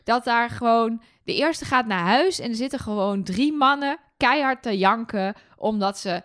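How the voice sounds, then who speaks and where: Female podcast co-host, slightly high voice, casual conversational discussion. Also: moderate pace, a bit bright. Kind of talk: casual chat discussing a TV show.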